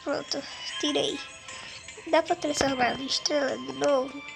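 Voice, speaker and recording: Stuffy from a cold, a young gaming video host with a Brazilian Portuguese accent talks casually over her gameplay in a high-pitched, gravelly voice. She keeps a steady tone and measured pace while loud music plays over her.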